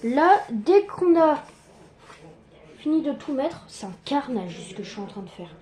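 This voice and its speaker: A young woman giving a casual cooking tutorial in her home kitchen, chatty and quick to joke about herself. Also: sits high, very animated, mellow, soft background music. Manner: chatty, joking, self-mocking asides.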